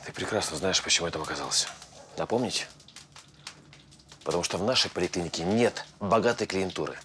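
An actor playing a worried, defensive husband in trouble in a TV drama. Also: male voice, low voice, fairly bright tone, a little hiss or hum. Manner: tense, quick, defensive. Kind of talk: TV drama acting.

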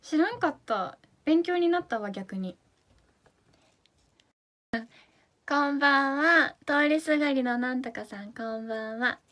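A young idol from Fukuoka hosts a casual livestream in Hakata dialect, reading out viewer comments in a bubbly, chatty way and dropping into soft asides. Her high-pitched voice is animated, a little slow, and broken by frequent pauses.

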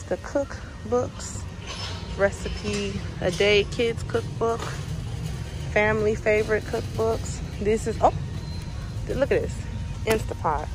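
A young woman with a son, chatting casually as she browses aisles and reads out items and prices, recorded on a handheld phone in a large store. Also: mid-range voice. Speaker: shopping vlogger. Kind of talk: casual shop-with-me narration. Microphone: handheld phone camera. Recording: noisy phone audio in a busy store. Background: store ambience and noise.

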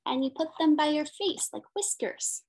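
Reading a picture book to young children, a woman in her thirties who teaches special education speaks at a moderate pace in a high voice with a darkish tone. Her phrases are simple and sing-song, sprinkled with questions.

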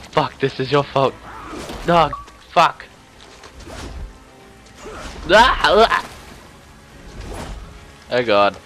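A man giving casual gameplay commentary, swearing and trash-talking excitably. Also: medium pitch, drawn-out words, pauses often, faint music behind.

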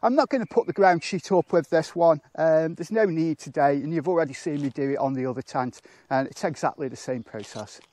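A man casually demonstrating how to pitch a tent outdoors, chatting and thinking aloud with fillers, poking fun at himself. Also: a little fast, darkish tone. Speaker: motorcycle touring reviewer.

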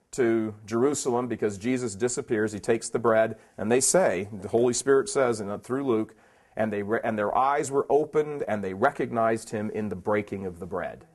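A man's voice: on the low side, a little mellow. A man giving a preaching talk at a conference, emphatic and plainspoken, firing rhetorical questions at his listeners. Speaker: conference speaker.

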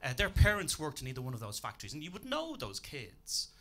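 This young comedian from Ireland speaks with a Dublin accent, his fairly high-pitched voice moving at a fairly quick clip during a club stand-up set. Holding the mic in his hand, he keeps things deadpan and dry, often poking fun at himself.

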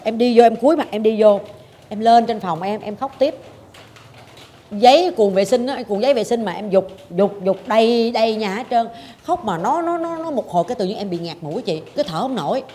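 A woman in her forties speaks with a fairly high voice. She tells a personal story in a dramatic, animated way and acts out her own past thoughts, with a faint hiss of noise behind her. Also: brisk. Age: 40s. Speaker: talk show host. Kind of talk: confessional storytelling chat.

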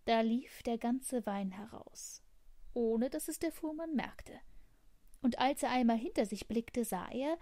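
A woman reads a fairy tale aloud in a calm, even manner, slow and unhurried. Her voice is mellow and a little high. The recording is close and dry. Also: no room sound. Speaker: narrator. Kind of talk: fairy tale audiobook narration.

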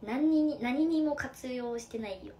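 A young woman hosting a casual live stream, reading viewer comments aloud. She talks very fast in a playful, cutesy way and refers to herself by her own name. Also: sits high, dark tone, lo-fi sound. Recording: echoey room, slightly distant mic, faint ambience.

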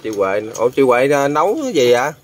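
A man's voice: mid-range voice, very animated, fast talker, a crowd in the background. Easygoing man hosting. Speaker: vlog host. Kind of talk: casual on-site interviewing.

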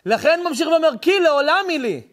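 A man's voice: extremely high pitch, expressive, a bit bright. A man, a rabbi, giving an emphatic sermon lesson, asking rhetorical questions and answering them himself, with chuckling asides.

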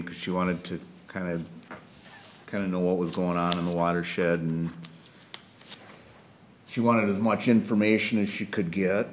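A man's voice: deep voice, gravelly, a little hiss or hum. A man on a watershed board giving a rambling, hesitant report at a meeting.

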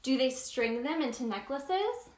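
With a voice that sits high and a slightly slow delivery, a woman takes on the role of a cheerful Tooth Fairy leading children's story time. She addresses young listeners directly in a playful, wondering, sing-song, animated way, and the room is spacious and echoey.

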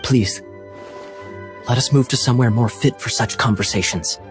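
Man acting smooth-talking Kaeya, flirty game knight. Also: mid-range voice, moderate pace, natural voice. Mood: smooth, persuasive. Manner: smooth-talking, teasing, flowery. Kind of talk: video game cutscene acting. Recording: music playing behind the dialogue. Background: game soundtrack music.

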